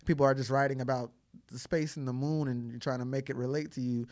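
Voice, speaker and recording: A man co-hosting a podcast in casual chat, animated and chatty with lots of filler words. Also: mid-range voice, fairly quick. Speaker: podcast co-host.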